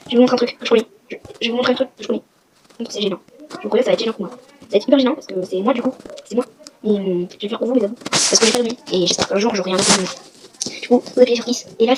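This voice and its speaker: A woman hosting a casual game walkthrough vlog, chatty and rambling, with self-mocking asides. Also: on the high side. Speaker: gaming video host. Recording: noisy with clicking sounds.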